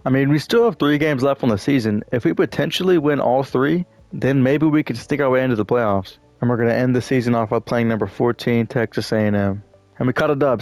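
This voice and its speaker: A young man giving casual gameplay commentary, frustrated and profane, now and then shouting at the game. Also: mid-range voice, dry recording. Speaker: gaming YouTuber.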